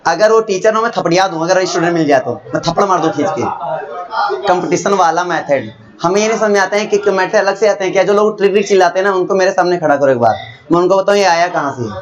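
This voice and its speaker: A man's voice: high voice, fast. A young man teaching math to a class, talking bluntly and scolding, then telling stories from his own student days. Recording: dull lo-fi sound, classroom chatter behind.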